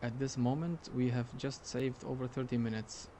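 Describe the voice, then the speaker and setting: A man's voice: medium pitch, steady tone, moderate pace, dark tone, slight background noise. A man live-streaming a flight simulator, thinking aloud and muttering hesitantly as he works through tasks. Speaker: flight sim streamer playing airline pilot.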